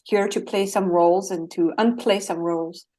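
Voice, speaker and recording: A woman with a French accent talks as a guest coach in a slightly low voice. She is earnest and animated. She laughs easily between her points. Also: normal speed. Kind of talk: interview conversation.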